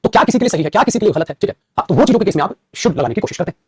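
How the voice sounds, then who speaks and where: Male grammar teacher: high, rapid-fire, husky, scolding but warm-toned address to students. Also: no echo, studio quality. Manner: animated, calls students 'beta', scolds and coaxes. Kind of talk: online class lecture.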